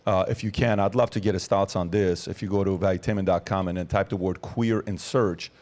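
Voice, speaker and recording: A man's voice: low voice, fairly even intonation, brisk, a little mellow. A man in his forties hosting a podcast, building long questions with many fillers before he asks. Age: 40s. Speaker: podcast host. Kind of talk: interview questions.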